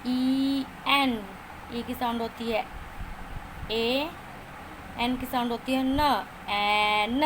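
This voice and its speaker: A woman teacher, slowly sounding out letters and short words in a phonics lesson for children. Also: fairly high pitch, steady tone. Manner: slow, sounding out letters one by one. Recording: noisy home recording.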